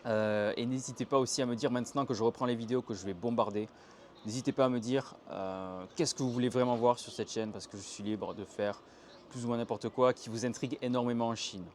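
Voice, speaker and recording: A young Frenchman briskly explains Mandarin tones in a casual outdoor video lesson beside a canal in a Chinese city, chatting and animatedly performing the intonations he describes. His medium-pitched voice, captured on a handheld tripod camera, has a little hiss or hum.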